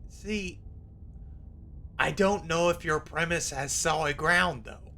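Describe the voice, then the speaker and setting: A man's voice: on the high side, takes it slowly, gravelly, bright, forceful tone, a little hiss or hum. A man giving casual live commentary as he streams a game.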